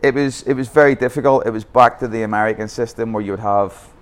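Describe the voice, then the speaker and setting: Speaking quickly in a mid-range voice, a man with a Northern Irish accent talks through his coaching story for a podcast interview. He's from Northern Ireland, founded a youth football academy in Bangkok, and is candid, with frequent restarts.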